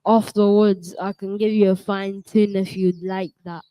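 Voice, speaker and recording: A woman playing a lonely elderly male inventor, speaking slowly and kindly in a school puppet play. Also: medium pitch, flat delivery, dark tone, clear, resonant tone, no room sound, close to an everyday voice, poor audio. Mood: gentle. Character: lonely old male inventor, gentle and kind.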